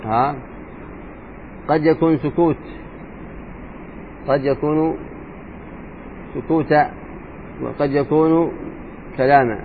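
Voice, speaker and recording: A man teaching jurisprudence as a sheikh, explaining a text and slowly repeating and demonstrating letter sounds aloud. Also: medium pitch. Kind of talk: religious lesson explaining a legal text. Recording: tinny phone-like lo-fi sound with faint noise.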